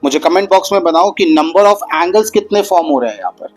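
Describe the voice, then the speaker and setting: A man teaching geometry to students, mixing Hindi with English terms. He addresses the students kindly and slowly stretches out the key words. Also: sits high, expressive, faint music behind, low-quality recording. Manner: patient, addresses students as "beta". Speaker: math teacher.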